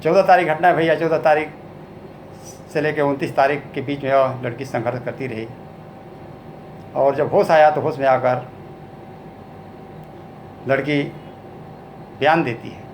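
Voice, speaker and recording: Alternating spoken narration with slow, drawn-out sung ballad lines, a folk singer with a Bhojpuri accent relates a tale. He speaks at medium pitch with fairly even intonation, and a little hiss or hum runs under the recording.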